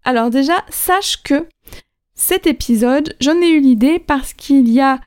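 Slow, high-voiced woman teaching. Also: a little mellow. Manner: repeats points, checks in with "ok?". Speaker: podcast host and French teacher. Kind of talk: slow, clear teaching talk.

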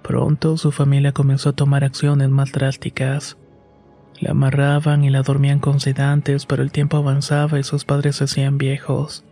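A man narrating a scripted horror story in a steady, unhurried way. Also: mid-range voice.

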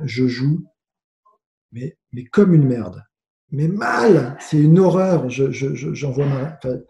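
A man, a guest on a remote call, tells a story casually and with energy, swearing and restarting his sentences often. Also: mid-range voice. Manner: animated, swearing, many restarts. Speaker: guest, former tennis player. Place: home with noise nearby. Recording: roomy echo.

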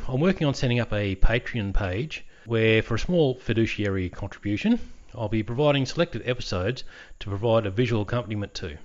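A man's voice: fairly low pitch, muffled recording. Wry man narrating history. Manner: dry, wry humor. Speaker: podcast host.

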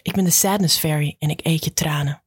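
A woman putting on a cheeky young woman, teasing and bossy, in a husky, low-pitched voice that jumps up when she mocks. The reading is close and dry, with no room sound. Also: steady tone, fairly quick, no echo. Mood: hushed. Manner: playful, mocking and bossy. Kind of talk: audiobook character voice.

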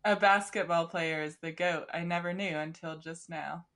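A woman co-hosting a podcast, chatting casually in a teasing, expressive way. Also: lowish voice, moderate pace. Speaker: podcast co-host.

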